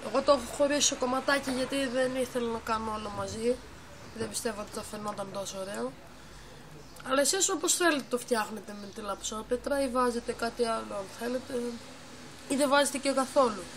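A young woman with a voice on the high side tours her game build casually, halting and fixing her words while explaining step by step. She's next to a computer in a dim room at home. The noisy recording comes from a phone camera filming the monitor.

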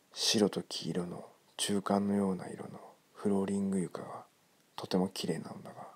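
A man reading a ghost story in a hushed, creepy manner, his gravelly, breathy voice often close to a whisper. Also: low voice.

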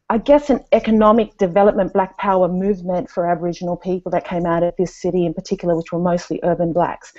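A woman's voice: on the low side, mellow. A woman in her thirties from Tonga, speaking earnestly on a video call panel with many fillers and restarts. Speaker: panel guest. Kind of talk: thoughtful video call discussion. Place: small room indoors, seated at a desk. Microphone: webcam with earphones on a video call. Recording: dull lo-fi video call audio.

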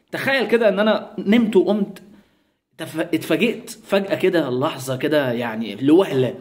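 A man from Egypt with an Egyptian Arabic accent, giving sarcastic, mocking commentary in a comedic vlog. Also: sits high. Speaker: YouTuber.

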